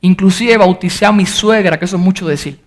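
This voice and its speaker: A man preaching an earnest sermon as pastor, reading scripture aloud and shouting out the crowd's cries when he retells them. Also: high-pitched, fast talker.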